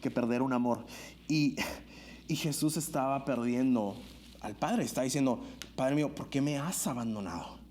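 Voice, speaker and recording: A man's voice: mid-range voice, expressive, normal speed, a little mellow, slight background noise. A man preaching an earnest sermon in a church, climbing to emphatic peaks and stumbling over restarts and filler words.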